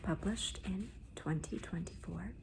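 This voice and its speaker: A woman speaking in a hushed, breathy whisper in a soft-spoken ASMR book talk, with deliberate, gentle pauses between phrases. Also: lowish voice. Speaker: host of a book haul video. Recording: noticeable background noise.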